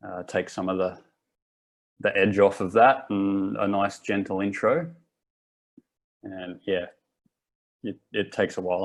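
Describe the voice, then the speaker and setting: Laid-back Australian guy, gravelly low voice. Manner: laid-back, rambling, self-correcting. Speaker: workshop host. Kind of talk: casual live workshop talk.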